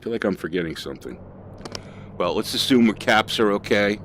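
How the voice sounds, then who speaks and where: A man's voice: on the low side, expressive, brisk, fairly bright tone, a little hiss or hum. A man casually talking through a flight simulator session, thinking aloud with fillers as he flies. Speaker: flight sim streamer. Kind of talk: casual gameplay commentary.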